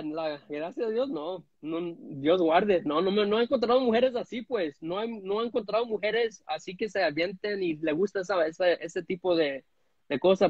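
A man's voice: sits high, darkish tone, husky, no room sound. A man, joining a live stream by phone from home and telling crude stories with many restarts. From United States. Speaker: guest caller on a live stream. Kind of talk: casual chat. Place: indoor room at home. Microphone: phone front camera at arm's length. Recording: dull lo-fi phone audio.

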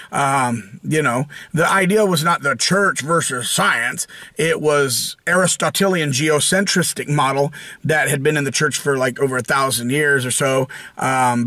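Here an American channel host, speaking in a pushed, bright voice of medium pitch, goes on a casual opinion rant. He rambles and gets sarcastic, restarting often and leaning on fillers, with no room sound.

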